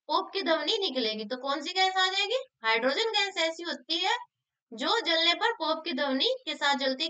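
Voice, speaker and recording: Her voice sitting high and sharp in tone, a woman teacher goes over exam questions. She asks her own questions and answers them, repeating the key answers to drive them home.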